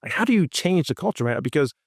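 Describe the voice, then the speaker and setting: Racing through his words with big pitch swings, a man with a slightly high voice sits on a roundtable panel as a physician. He is from Haiti and talks emphatically, repeating points for stress, on a studio-quality recording with no echo.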